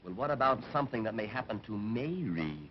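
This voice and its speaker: A scheming attorney, early talkie sound. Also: male voice, fairly low pitch, animated, fairly quick. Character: scheming male attorney, smooth and serious. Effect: early 1930s talkie film soundtrack. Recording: muffled, faintly hissy 1930s film sound.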